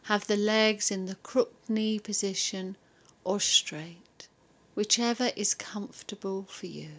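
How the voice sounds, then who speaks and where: A woman guiding a yoga and relaxation session, giving soft, soothing instructions with long pauses between phrases. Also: medium pitch, fairly even intonation. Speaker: yoga teacher.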